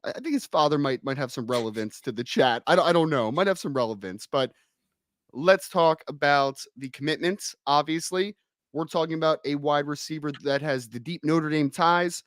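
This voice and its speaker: A hoarse man hosts a casual sports talk show with emphatic, hype-building energy. His voice sits a little high. It is recorded dry and close. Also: moderate pace, no echo. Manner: energetic, emphatic, hypes the audience. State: hoarse, slightly under the weather. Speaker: podcast host.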